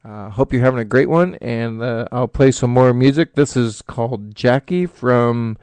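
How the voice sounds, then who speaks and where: A middle-aged man hosting his own internet radio show, talking earnestly in a halting way with many filler sounds between his thoughts. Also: mid-range voice, darkish tone, clear, resonant tone, no room sound. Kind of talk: solo talk-show monologue.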